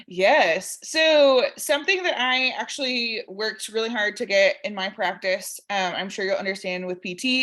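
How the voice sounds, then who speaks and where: A woman's voice: medium pitch, a bit bright. A woman with a West Texas twang, talking in a chatty, enthusiastic and informal way as a guest in a casual interview. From West Texas, United States. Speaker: podcast guest, dietitian and rodeo athlete.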